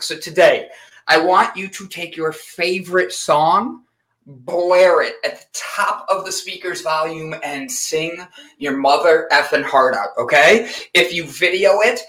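A male host with a fairly high, bright voice, chatting casually and energetically to his viewers. He rambles a little and keeps things upbeat. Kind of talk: casual live-stream chat.

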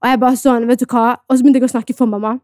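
A young woman with a Bergen Norwegian accent, co-hosting a podcast and telling stories in animated, casual chat with English words mixed in. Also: on the high side, no echo, studio quality. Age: young adult. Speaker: podcast co-host.

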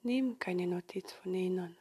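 A woman guiding a meditation in a soft, breathy spa-like half-whisper, giving gentle, soothing instructions with long pauses. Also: lowish voice. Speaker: meditation guide.

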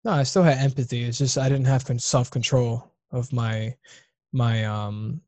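A man in his thirties rambles through a casual conversation, cursing freely and circling back over his own words. His voice is of middling pitch and sits close and dry, with no room sound around it. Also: fairly even intonation, normal speed, darkish tone, dry recording. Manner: rambling, profane, restarts often.

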